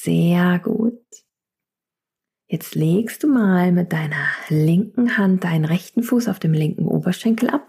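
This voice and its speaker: A woman talks a student through chair yoga stretches in an unhurried, gentle voice. Her tone is mellow and breathy, with a gravelly edge, and her cues often drop close to a whisper. She counts down each hold calmly. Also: on the low side. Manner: calm instructive cueing with breath counts. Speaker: yoga instructor. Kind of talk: guided chair yoga class.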